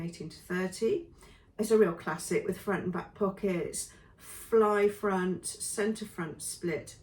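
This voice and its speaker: Chatty woman, going hoarse, lowish voice, roomy sound from a distance. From England. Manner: chatty, many ums and trailing lists. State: losing her voice. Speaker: sewing vlogger. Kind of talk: casual spoken review.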